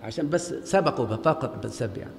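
A man's voice: medium pitch, animated, quick pace, creaky. A man with an Egyptian accent lecturing on Arabic grammar in a large mosque, questioning his students call-and-response style. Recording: long hall reverb, faint background noise.

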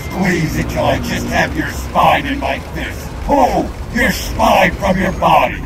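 A man voicing an evil male AI overlord who shouts slow, cruel threats. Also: a little high, animated. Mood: menacing. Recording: distant voice over loud game noise.

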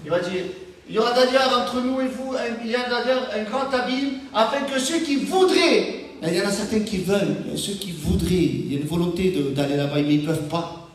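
A man preaching a sermon as pastor, emphatic, swinging between loud calls and hushed asides. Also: high voice, brisk, a little hiss or hum. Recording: very echoey, from far off the mic.

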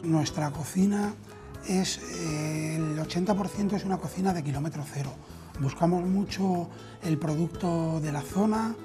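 A man from Spain in his thirties, with a Castilian accent and a slightly high voice, is interviewed as a restaurateur and answers conversationally. He wears a lapel mic in a dining room, and music plays clearly in the background.

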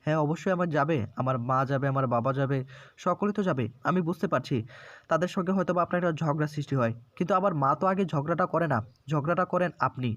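A fed-up young wife scolds her mother-in-law in firm, clipped lines, read out by a man. The voice sits a little high and the sound is dry. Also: fairly bright tone, dry recording, lo-fi sound, close to an everyday voice.

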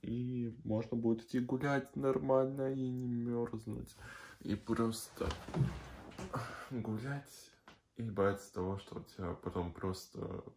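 A man's voice: medium pitch, fairly even intonation, slow, darkish tone. A young man chatting casually and slangily in a rambling video diary. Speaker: vlogger. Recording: faint background noise with clicks.

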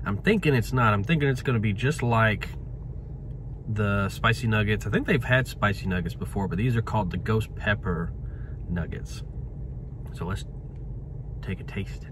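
A man's voice: on the low side, moderate pace, pauses often. A man in his thirties giving a casual food review to camera from inside a car. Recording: in a car with clear vehicle noise.

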